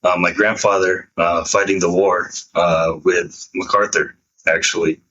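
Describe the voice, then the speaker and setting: A deep-voiced man in his thirties tells his life story as a veteran guest on a talk show. His voice has a husky edge, and he talks in a relaxed, loose way with a bit of street slang. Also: measured pace, lo-fi sound. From United States (San Francisco). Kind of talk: casual chat.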